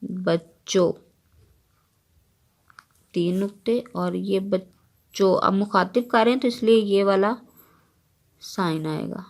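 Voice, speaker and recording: A woman's voice: mid-range voice, fairly even intonation, slow pace, pauses often, a little mellow. A woman teacher giving an online lesson to young children. She spells each word out letter by letter and checks in with the class again and again. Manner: patient, repeats words and checks in often with children.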